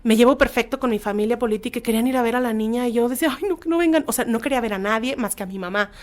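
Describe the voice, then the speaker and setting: A woman, a psychologist sharing her own experience in a casual podcast chat, animated and full of restarts. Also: fairly high pitch, racing. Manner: animated, many restarts and quoted asides. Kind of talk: personal testimony in casual chat.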